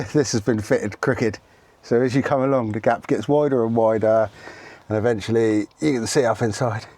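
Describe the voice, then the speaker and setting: A middle-aged British travel vlogger mutters and grumbles to himself while doing repairs inside his motorhome, casually talking to himself. His voice is medium-pitched, steady, a little mellow and moderately paced. The camera mic sits nearby, and the recording is noisy with clicks.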